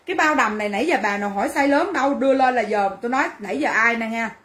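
A woman's voice: fairly high pitch, rapid-fire, fairly bright tone, reverberant. A woman selling clothes on a livestream, brash and teasing as she banters with viewers. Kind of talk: livestream sales chat.

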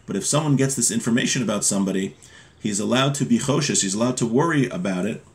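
In a fairly low voice and at a quick pace, a thirty-something man leads an informal religious law lesson, reading from a text and unpacking it bit by bit. He sits in a small bookshelf-lined home room.

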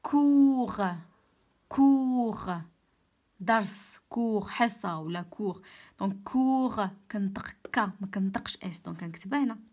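A woman with a Moroccan Arabic accent teaches French online at a medium pitch. She says each word slowly and patiently explains how it sounds.

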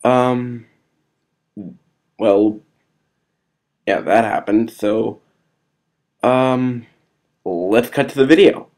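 A man's voice: mid-range voice, extremely slow, pauses often, a little mellow. A man giving casual, rambling commentary while playing a video game, often hesitating with fillers. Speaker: let's play gamer.

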